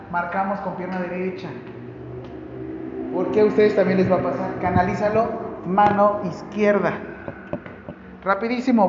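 High-voiced Mexican man lecturing in an echoey hall. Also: slight background noise. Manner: lively and joking, asks the class questions. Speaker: lecturer at a nursing school. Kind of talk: classroom lecture. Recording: echoey hall, dull lo-fi sound.

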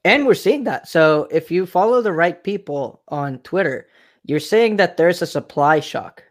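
A man's voice: a little high, animated, unhurried. A man from Mexico hosting a casual livestream chat, rambling and hedging with filler phrases. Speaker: livestream host.

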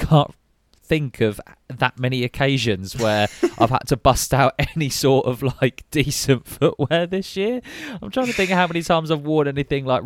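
A man's voice: mid-range voice, no echo. A young man co-hosting a podcast, chatting casually and rambling with fillers. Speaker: podcast co-host. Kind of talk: casual chat.

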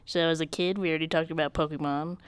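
A young woman chatting casually about games, talkative and quick, laughing often and filling with "like". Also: low voice, steady tone, clean tone, no room sound.

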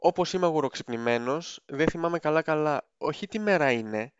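A man with a fairly high, smooth and crisp voice tells his story in a dry, self-mocking way. The sound is dull and dry, with no room around it. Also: lively intonation, no room sound. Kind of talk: casual storytelling.

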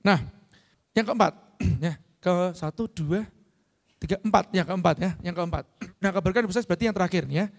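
A middle-aged man. He keeps asking whether they follow and clears his throat often. His voice rings with the long reverb of a large hall. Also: high-pitched, normal speed. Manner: checks understanding with frequent tag questions. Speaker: business speaker. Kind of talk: motivational seminar talk.

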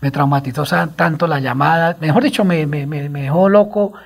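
Colombian male guest, agitated rambler, raspy voice. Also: on the high side, fairly quick. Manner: rambling, repeating himself, agitated storytelling. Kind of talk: radio talk show conversation.

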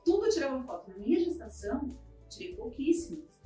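A woman's voice: sits high, sing-song, brisk, mellow. A woman, a podcast guest, telling a personal story and acting out what each person said. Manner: vivid, acts out quoted dialogue. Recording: roomy, distant mic, faint music behind.

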